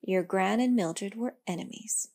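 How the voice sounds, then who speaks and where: Brief: a woman doing a wise, gentle old tree giving advice, soft and husky. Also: mid-range voice, a little slow. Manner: calm, gentle, reassuring.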